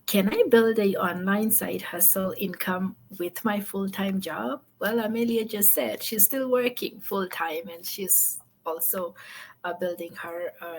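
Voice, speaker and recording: A woman's voice: mid-range voice, a little hiss or hum. A woman from Fiji hosting an online interview, upbeat and friendly, with many fillers. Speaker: host.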